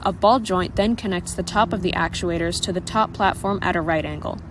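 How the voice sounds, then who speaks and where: A woman's voice: fairly low pitch, fairly quick, background noise. A young adult woman reading a scripted technical narration as a student presenter.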